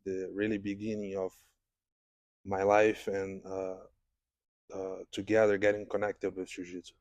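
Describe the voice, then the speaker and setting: A Brazilian man, the guest and head instructor of a jiu-jitsu school, answers interview questions in non-native English in a podcast studio. His low, warm voice has a completely flat delivery, and he feels his way through each answer with many restarts, doubled-back words, and fillers. The sound is dry and close, with no room sound.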